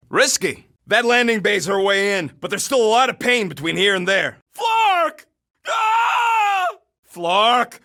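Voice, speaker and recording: Brash, high-pitched wisecracking raccoon mercenary. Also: male voice, pushed and bright, exaggerated voice. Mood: combative, urgent. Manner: brash, sarcastic, slangy. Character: cocky, irritable, wisecracking adult raccoon mercenary. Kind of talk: video game character barks.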